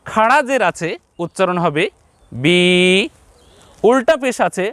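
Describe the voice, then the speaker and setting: Male teacher with a Bangladeshi Bengali accent, high-pitched, dry close recording, patient and repetitive, talks straight to viewers. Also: animated, fairly bright tone, no room sound. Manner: repeats each point slowly, addresses viewers directly. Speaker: Quran teacher. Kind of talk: step-by-step reading lesson.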